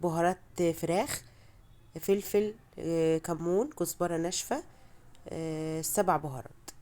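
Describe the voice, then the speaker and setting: A woman speaking at a normal pace in a low-ish, mellow voice narrates a recipe as a home cooking vlogger. She has an Egyptian Arabic accent, a cold has changed her voice, and her voice-over is casual, chatty and self-deprecating.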